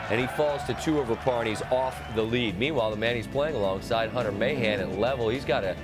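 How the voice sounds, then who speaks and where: A man working as a golf commentator, narrating tournament highlights over music. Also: quick pace. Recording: music bed under the voice.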